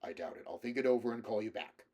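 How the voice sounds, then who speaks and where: A man's voice: on the low side, fast talker, a little mellow, close to an everyday voice. A man voicing a weary, curt male bounty hunter with a terse, dismissive manner.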